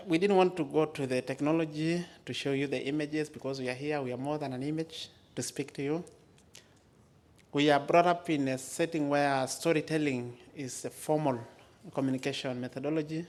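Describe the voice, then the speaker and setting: A community speaker from the Maasai areas of Kenya and Tanzania tells a story in short, deliberate, emphatic phrases. He has a mid-range voice and an East African accent, and Maa is his first language.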